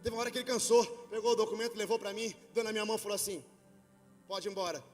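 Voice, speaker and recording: A male pastor with a Brazilian Portuguese accent preaching a sermon, telling a story quietly and then building to shouted preaching. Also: sits high, fairly even intonation, rapid-fire. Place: church hall with worship band. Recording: long hall reverb with faint music.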